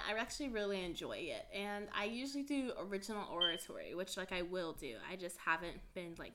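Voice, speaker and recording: A woman's voice: mid-range voice, a bit bright. A woman hosting her own podcast in a bubbly, chatty way, apologetic and self-mocking, full of filler words. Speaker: podcast host. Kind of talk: casual chat.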